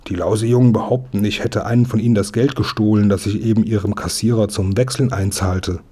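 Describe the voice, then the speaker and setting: Glib, polite storybook thief, dark and breathy, a man reading it. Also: lowish voice, fairly quick. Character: smooth-talking adult male thief in a stiff hat.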